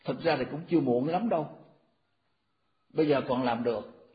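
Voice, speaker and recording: Elderly monk, folksy sermon. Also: male voice, mid-range voice, normal speed. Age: 80s. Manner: folksy, repetitive, rattles off verse formulas. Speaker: Buddhist monk. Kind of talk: informal dharma talk. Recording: echoey, muffled recording.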